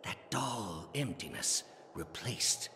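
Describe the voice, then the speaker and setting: An actor playing a weary, ancient immortal villain in a video game, a grave and unyielding orator serving the gods. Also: male voice, sits low, sing-song, takes it slowly, noisy background, heavily acted. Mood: fervent. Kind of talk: dramatic game voice acting.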